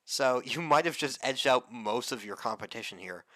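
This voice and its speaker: A man's voice: medium pitch, expressive, moderate pace, a bit bright, dry recording, rough recording. A man hosting an online game show over a voice call, joking, laughing often and calling out bids like an auctioneer. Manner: jokey, laughs often, auctioneer-style calls.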